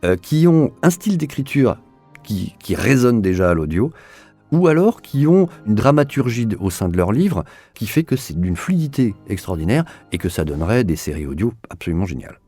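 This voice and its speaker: A man with a fairly low, dark, husky voice speaks at a moderate pace but with plenty of animation, soft music playing behind him. Interviewed as an audio drama director, he answers off the cuff, earnest and searching, often repeating words while he hunts for the next one.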